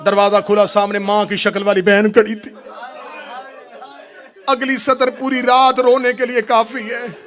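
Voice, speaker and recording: Man, mourning sermon recitation, high gravelly voice, slow drawn-out delivery, hushed lows and wailing highs. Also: completely flat delivery, some chatter behind. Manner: swings from hushed low murmurs to high wailing shouts. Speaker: preacher reciting a majlis.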